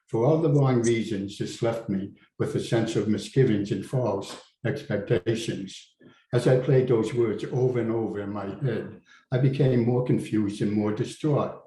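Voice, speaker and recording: A man reads his personal essay aloud, earnest and deliberate. His voice is low and warm, with a soft, dark tone. The room gives a clear echo. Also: slight background noise. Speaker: writer reading his essay. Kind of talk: public reading of a personal essay. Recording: roomy venue with faint ambience.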